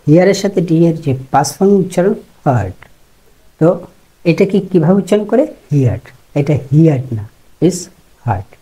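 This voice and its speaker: Man, English teacher, lively pitch, dark husky tone, slow careful repeats. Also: poor audio. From Bangladesh. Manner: explanatory, repeats words slowly in contrast. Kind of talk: pronunciation lesson.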